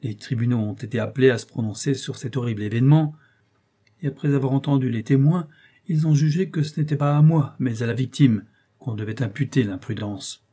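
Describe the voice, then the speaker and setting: A man reading an audiobook, voicing a proud, quick-tempered aristocratic count who speaks in a curt, commanding way. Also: medium pitch, mellow, breathy edge, close to an everyday voice. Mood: defensive.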